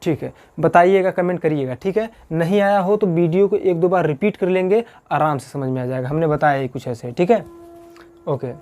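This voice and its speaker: Standing at a board, this male teacher walks through a grammar lesson in a fairly high, slightly mellow voice at a moderate pace, with faint music behind him. He asks the class questions and then answers them himself, repeats each point, and keeps checking in with "theek hai."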